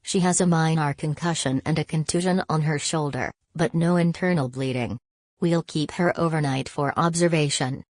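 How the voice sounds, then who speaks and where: A woman voicing a calm, reassuring hospital doctor with a clinical manner. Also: deep voice, moderate pace, no room sound, studio quality, lightly acted.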